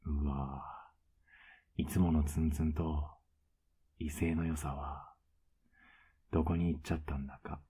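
Whispered role-play, male voice actor as a doting older boyfriend: husky, very low, flat and coaxing. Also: unhurried, pauses often, heavily acted. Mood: teasing tender. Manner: teasing, soft-spoken, coaxing.

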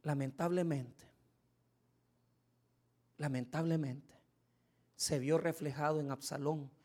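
A middle-aged man preaching a sermon as pastor, swinging from soft speech to loud shouts. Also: on the high side.

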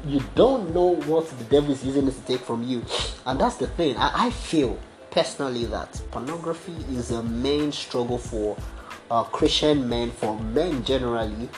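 A man's voice: medium pitch, darkish tone. Young man sharing a casual testimony. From abroad, studied as international student. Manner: casual slangy talk, frequent fillers and restarts. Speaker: podcast guest sharing testimony.

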